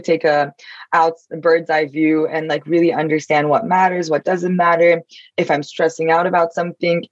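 A woman's voice: low-pitched, no echo, dull audio. Thoughtful woman. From Turkey. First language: Turkish. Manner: thoughtful, searching for words. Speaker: podcast host. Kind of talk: casual podcast conversation.

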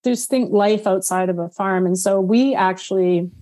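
A middle-aged woman farmer talking in a relaxed interview, reflective and unhurried, with frequent "um"s. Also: medium pitch. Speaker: guest homestead farmer. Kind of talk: casual conversational interview.

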